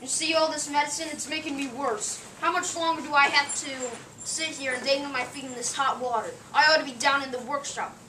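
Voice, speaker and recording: A woman's voice: high-pitched, steady tone, fairly quick, hardly any pauses, bright, forceful tone. A woman playing a grumpy old Santa Claus with a cold, blustering and indignant in an amateur play reading. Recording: echoey room, distant mic, noise.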